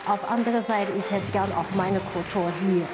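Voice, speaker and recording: A woman from Taiwan speaks slowly and haltingly, stopping often to search for words. She is a dance artist talking in an interview. Music plays clearly behind her. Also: mid-range voice, steady tone. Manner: halting, with many pauses and fillers. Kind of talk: interview answers.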